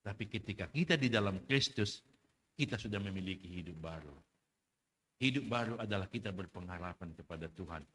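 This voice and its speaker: A man's voice: low-pitched, a little fast, a bit bright, a little hiss or hum. A male pastor preaching a sermon in a church, telling a story and acting out the quoted speech.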